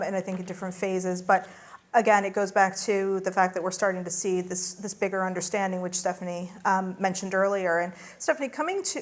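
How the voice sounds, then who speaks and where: A woman moderating a conference panel, putting measured questions to the speakers. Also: mid-range voice.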